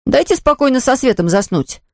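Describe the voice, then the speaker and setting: A woman's voice: sits high, lively intonation, a little fast, no echo, clean studio sound, pitched above the performer's own voice. Woman doing a whiny, scared schoolboy. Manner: whiny, defensive. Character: timid young schoolboy, easily scared.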